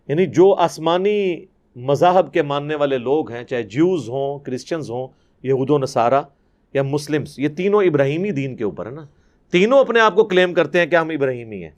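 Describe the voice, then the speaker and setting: A middle-aged man with a Pakistani accent teaching a Quran class, chanting Arabic verses slowly and then explaining them briskly. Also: on the high side. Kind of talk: religious lecture.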